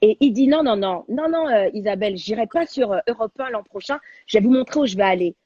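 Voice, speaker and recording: A woman, a guest on a talk show, telling a personal story in an animated, slangy, dramatic way over a video call. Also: a little high, fast, husky, no room sound, dull audio. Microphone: video call on a livestream.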